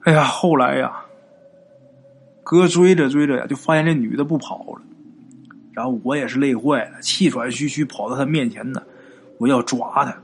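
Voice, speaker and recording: A man's voice: medium pitch, moderate pace, pauses often, husky, faint music behind. A man voicing a boastful middle-aged village man who talks in a coarse, folksy way. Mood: boastful, spooked. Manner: coarse, swaggering folksy talk.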